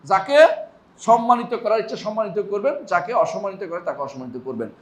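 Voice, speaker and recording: A man's voice: sits high, animated, a little fast. A man with a Bangladeshi Bengali accent giving a sermon on hadith in a mosque, reciting Arabic verses and asking the audience rhetorical questions. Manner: asks the audience rhetorical questions and answers them; recites Arabic verses, then explains them. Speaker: Islamic scholar giving a weekly lesson. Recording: echoey mosque hall.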